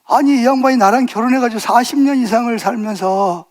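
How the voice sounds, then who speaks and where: A man's voice: extremely high pitch, a little fast. A man in his sixties, a pastor preaching a sermon, telling stories and asking the congregation rhetorical questions, building to emphatic bursts.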